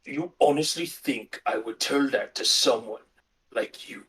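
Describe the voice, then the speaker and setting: A man's voice: unhurried, a bit bright, distant mic, slight background noise, natural voice, rough recording. A man voicing a sullen captive orc. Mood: defiant. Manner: low, muttered contempt.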